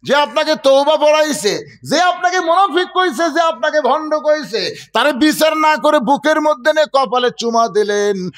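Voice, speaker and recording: A man voicing a group of men who protest loudly and accusingly. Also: on the high side, fairly even intonation, moderate pace, lightly acted. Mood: indignant. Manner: loud, accusing, rising. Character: indignant group of male companions, protesting.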